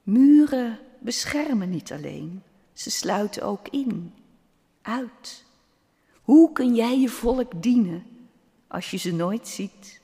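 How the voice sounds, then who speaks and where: Storybook pebble, gentle and wise, soft-spoken, slow, played by a man, hall reverb. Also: sits high, creaky, heavily acted. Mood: calm, gentle. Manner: soft, calm, quietly persuasive.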